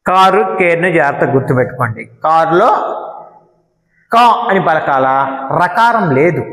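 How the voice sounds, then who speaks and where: A middle-aged man with a Telugu accent, giving a classroom lecture and stretching out example words slowly as he explains. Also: high-pitched, fairly bright tone. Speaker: English teacher. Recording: echoey room with long reverb.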